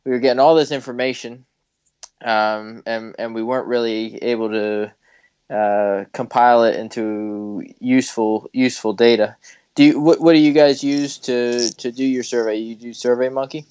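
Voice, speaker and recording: Smooth-voiced man asking a halting question. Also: mid-range voice, steady tone, a little mellow, no echo, lo-fi sound. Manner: hesitant, many restarts. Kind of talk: casual discussion.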